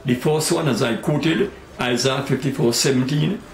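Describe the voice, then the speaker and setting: A very old man in his nineties with a Tobagonian accent, telling his life story in an interview in deliberate, earnest phrases with pauses. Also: mid-range voice. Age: 90s. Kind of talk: oral history storytelling with scripture quotes. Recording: echoey room with faint background noise.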